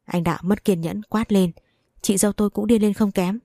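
A woman reading a story aloud in a steady, even way. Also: mid-range voice, brisk, dry recording, studio quality. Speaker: narrator. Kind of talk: scripted story narration.

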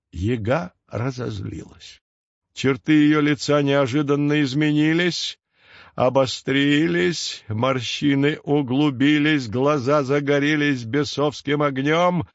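A man narrating a fairy tale audiobook with expressive storytelling. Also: on the high side, slow pace, no echo. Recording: dull lo-fi dry recording.

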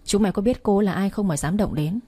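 A woman's voice: medium pitch, fast talker, mellow, natural voice. Woman playing a cocky, protective gang boss. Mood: stern. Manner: teasing, bossy tenderness.

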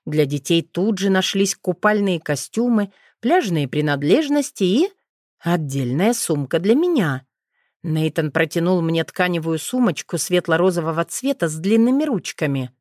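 A woman with a fairly low voice reads a first-person audiobook in a steady, expressive way. The sound is close and dry, with no room echo. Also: normal speed. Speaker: audiobook narrator.

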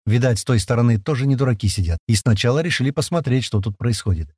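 A man reads an audiobook in the first person, casual and peppered with coarse slang. His pitch is middling but moves around a lot. The sound is close and dry. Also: expressive, quick pace, darkish tone, husky, no echo. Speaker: audiobook narrator.

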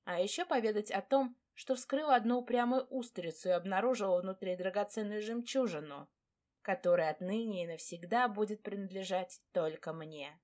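A woman narrating a first-person romance audiobook in a warm, expressive reading. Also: medium pitch, moderate pace.

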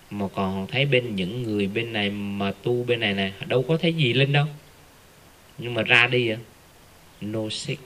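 A man giving a casual Buddhist Dharma talk, animated and full of rhetorical questions. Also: on the low side. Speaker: Buddhist lay Dharma speaker.

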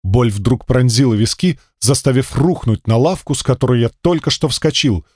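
A man reading a first-person fantasy audiobook in a steady, measured storytelling voice. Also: medium pitch, slightly rough, no room sound, clean studio sound. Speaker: audiobook narrator.

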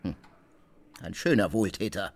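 An actor playing a coarse, scheming man who blusters, insults and shouts, in a radio drama. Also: sits low, expressive, measured pace. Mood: sneering. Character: coarse bullying middle-aged man, loud and scheming.

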